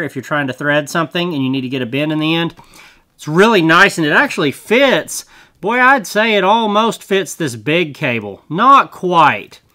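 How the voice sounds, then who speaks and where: A man's voice: a little high, bright, forceful tone. A middle-aged man casually explaining and demonstrating a tool in a small indoor studio, chatty and folksy. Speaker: tool reviewer. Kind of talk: casual product demo.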